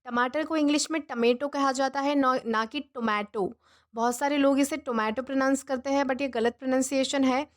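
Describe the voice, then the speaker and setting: A young woman teaching an English vocabulary lesson, drilling each word slowly with questions and repeated answers. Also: high-pitched, steady tone. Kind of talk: spoken language lesson.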